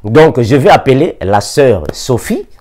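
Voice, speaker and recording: A man's voice: mid-range voice, big pitch swings, a little slow, a little mellow. A man from Africa preaching a sermon, repeating scripture references and reading verses with emphasis.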